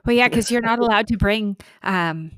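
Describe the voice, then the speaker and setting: A woman's voice: a little high, normal speed, smooth, dry recording. A middle-aged woman with a Canadian accent, chatting casually as a podcast co-host. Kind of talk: casual conversation.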